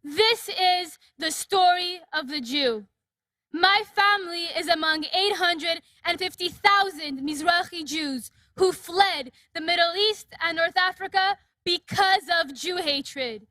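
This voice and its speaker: Very high-voiced impassioned young woman speaker. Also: slow, bright, forceful tone, no echo. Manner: impassioned, declarative. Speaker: rally speaker. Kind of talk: rally speech. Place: outdoor rally.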